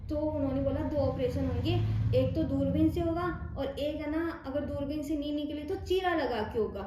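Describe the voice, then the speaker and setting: A young woman with a Rajasthani accent, casually telling a personal story and acting out the dialogue as she goes. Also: sits high. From India. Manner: chatty, retells dialogue, frequent "bhai". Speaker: vlogger. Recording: very echoey room, faint ambient noise.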